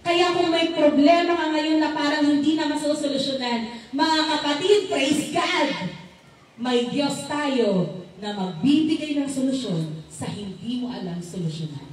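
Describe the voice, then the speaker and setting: High-pitched young woman giving church testimony, calls out amen a lot, echoey hall, sounds far from the mic. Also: animated, measured pace, a little hiss or hum. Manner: preacherly call-and-response with frequent amen shouts.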